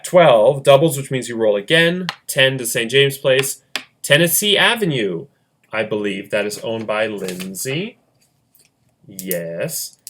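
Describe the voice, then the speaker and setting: A man narrates a board-game round play by play in a chatty, joking way. His pitch jumps around a lot as he talks, and his voice has a bright, forceful edge. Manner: chatty, jokey asides, laughs often. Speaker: host running a fan game.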